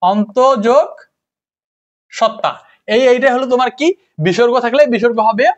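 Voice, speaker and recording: A man's voice: extremely high pitch, normal speed. A man teaching a grammar lesson to students, repeating words, asking rhetorical questions and correcting his own slips. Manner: self-correcting, apologizes for slips. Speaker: grammar tutor. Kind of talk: informal classroom lesson, addressing students. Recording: dull lo-fi recording.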